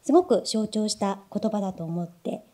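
A woman's voice: medium pitch, lively intonation, moderate pace, dark tone. A woman speaking thoughtfully as a voice actor guest on a cinema stage. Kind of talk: stage event remarks. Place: cinema stage before an audience.

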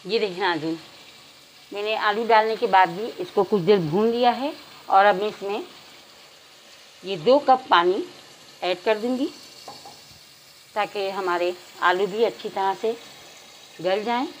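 A woman hosting a cooking channel, giving calm step-by-step recipe instructions to her viewers in a home kitchen. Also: medium pitch, a little slow, pauses often, slight background noise, rough recording.

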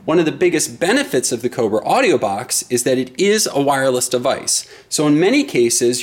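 A middle-aged product presenter with a medium-pitched voice gives an instructional product demonstration. He speaks in a deliberate, explanatory way.

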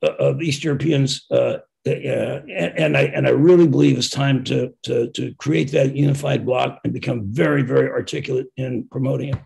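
A man's voice: medium pitch, steady tone, normal speed, gravelly, darkish tone. A man speaking on a webinar panel, blunt and opinionated, with many stammered restarts. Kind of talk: policy discussion.

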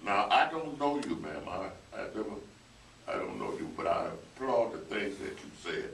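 A man with a lowish voice makes a sincere appeal to fellow veterans during a studio roundtable. He sounds distant and roomy, with faint hiss behind him. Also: big pitch swings, moderate pace, a bit bright. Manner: earnest, appealing directly to listeners. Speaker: veteran panelist. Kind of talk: radio roundtable talk. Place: small radio studio. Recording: roomy, distant camera audio with faint noise.

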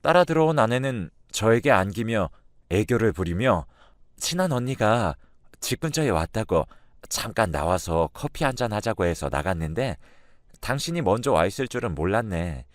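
A man narrating a scripted personal story in an expressive, emphatic way. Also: fairly low pitch, moderate pace, no echo, studio quality.

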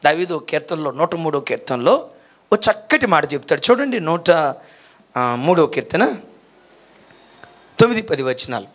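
A male pastor with a Telugu accent preaching a sermon, telling stories and rising to shouts. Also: fairly high pitch, sing-song, moderate pace, long pauses. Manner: storytelling preacher, voices quoted people, rising to shouts.

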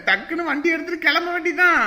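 A man's voice: extremely high pitch, fast talker, pushed and bright, exaggerated voice. A performer playing a brusque, joking village man who is in a hurry to leave, in a family drama.

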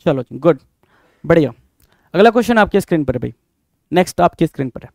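A man's voice: fairly high pitch, lively intonation, fast, gravelly, a little mellow, no room sound, clean studio sound. A young Indian man teaching English grammar in a live online exam-prep class, addressing students as "bhai", repeating points and asking rhetorical questions. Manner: addresses students as bhai, answers chat comments by name.

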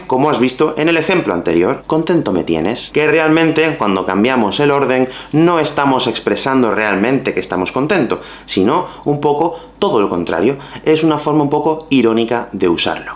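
A man from Spain with a Spanish accent, teaching Spanish in a video lesson with colloquial, expressive talk. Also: mid-range voice, echoey room. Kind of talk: video lesson with acted skits.

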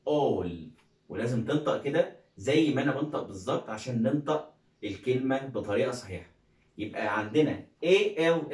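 A man's voice: medium pitch, darkish tone, far from the mic. A man with an Egyptian Arabic accent teaching English pronunciation, calling out words and asking viewers to repeat them with him. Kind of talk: phonics lesson for learners. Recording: roomy, from off the mic.

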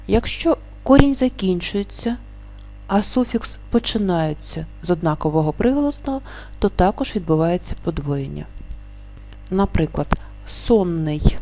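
A woman teaching a spelling lesson, explaining rules slowly and stretching out each example word. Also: on the low side, dark tone, slight background noise. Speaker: language teacher.

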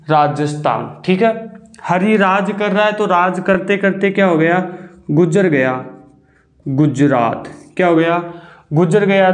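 A man teaching a classroom lesson, asking questions and answering them himself, stretching out the key words. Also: sits high. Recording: echoey room.

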